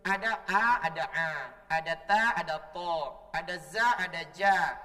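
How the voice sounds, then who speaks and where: A man's voice: sits high, measured pace, sharp tone, big-room sound, far from the mic. A man hosting a children's Quran lesson on television, teacherly and prompting the kids to answer back as he draws out each letter sound. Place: television studio.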